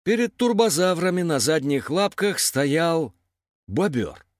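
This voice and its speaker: Man reading a kids' storybook, lively bouncy voice, dry close sound. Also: on the high side, slow pace, no room sound. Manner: animated storytelling. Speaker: narrator. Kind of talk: children's story narration.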